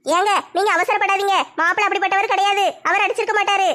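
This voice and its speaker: A woman playing a quick-tongued village wife. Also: extremely high pitch, steady tone, pushed and bright. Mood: scolding. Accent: Tirunelveli Tamil. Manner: quick, scolding, reasoning. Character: sensible middle-aged village wife and mother. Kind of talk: comic skit acting.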